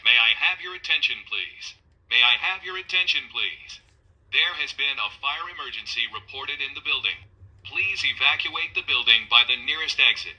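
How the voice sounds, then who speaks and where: A man's prerecorded fire evacuation announcement, played through an alarm loudspeaker, firm and formal. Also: mid-range voice, animated, moderate pace, poor audio. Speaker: recorded emergency announcer.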